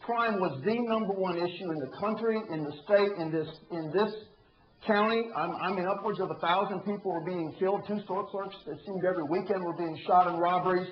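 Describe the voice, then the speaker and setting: A man with a drawl tells a case story to a room of prosecutors, tossing out rhetorical questions as he goes. His voice sits fairly high. The sound is roomy and a bit dull. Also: fairly quick. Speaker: ethics trainer. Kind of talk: training talk to prosecutors.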